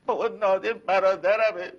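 A man's voice: sits high, fairly even intonation, dull audio. An actor playing an emotional, deferential grown nephew who keeps thanking his uncle. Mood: tearful. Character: soft-hearted grateful nephew, grown man.

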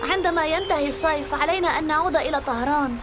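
A woman's voice: high voice, racing, noisy background, natural voice. A woman playing a young, resigned schoolboy on a summer stay in a film drama. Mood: resigned, wistful.

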